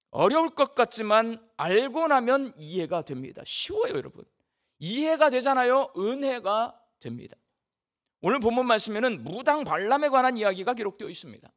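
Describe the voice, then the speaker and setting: A middle-aged man from the Jeolla region, a pastor preaching a sermon in a conversational, storytelling way and often turning questions to the congregation. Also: very high-pitched. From Jeolla region, Korea.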